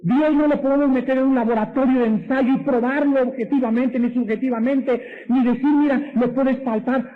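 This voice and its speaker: A man preaching a radio sermon, emphatic and full of rhetorical questions. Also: extremely high pitch. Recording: tinny radio broadcast.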